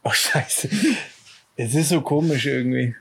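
Gravelly, husky man joking around. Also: mid-range voice, a bit bright. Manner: joking, crude, loose chat with drawn-out fillers. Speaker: podcast co-host. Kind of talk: casual podcast banter.

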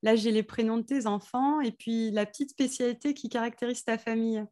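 A woman hosting a podcast interview, reading a measured scripted introduction and asking questions. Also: fairly high pitch, steady tone, a little mellow. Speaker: podcast host.

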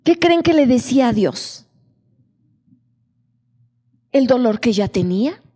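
A woman delivers a sermon in a high, mellow voice, speaking slowly and often asking her listeners questions. Her voice rings with the long echo of a large hall. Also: sing-song, husky. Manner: slow, questioning the congregation. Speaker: preacher.

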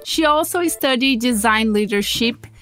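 A woman's voice: on the high side, animated, a little slow, faint music behind. A woman hosting a podcast interview, introducing her guest and asking questions. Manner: warm introductions, brief affirmations. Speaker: podcast host.

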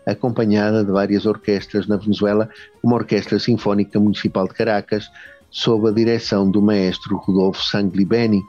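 A man hosts an interview, reading a long biography haltingly, with restarts and filler sounds. His voice sits fairly low and mellow. The audio is muffled and lo-fi, with faint music underneath.

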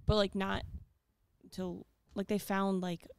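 A woman's voice: medium pitch, flat delivery, a little slow, vocal fry, clean tone. A young woman co-hosting a casual podcast chat, chatty and playful, giggling and teasing her friends.

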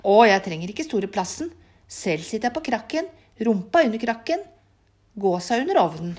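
A woman voicing a sly, greedy male fox trickster who talks loudly and demandingly in a folk tale. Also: mid-range voice, big pitch swings.

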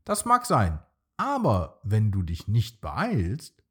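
Patient storybook dino dad, gentle and lively, as a male narrator puts him on, husky voice. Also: on the low side, slow pace, heavily acted. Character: kind patient father dinosaur.

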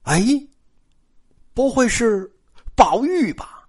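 A man voicing a halting, stammering young nobleman in a spoken story. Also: extremely high pitch, sing-song, slightly rough, full character voice. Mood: hesitant.

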